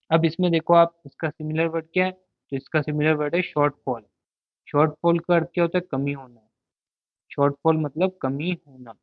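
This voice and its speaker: A man's voice: a little high, dry recording. A man teaching a vocabulary lesson, asking a question and then answering it himself, repeating each word several times. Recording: tinny, dry, phone-like sound.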